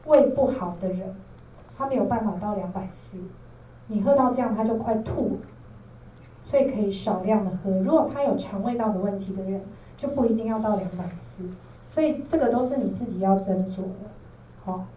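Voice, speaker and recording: A woman's voice: mid-range voice, fairly quick. A woman with a Taiwanese Mandarin accent gives an informal training lecture, explaining things step by step and checking in with her listeners. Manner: explanatory, often checks with listeners using tag questions. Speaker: product trainer, presenter. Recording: roomy echo, distant mic, dull, faint noise.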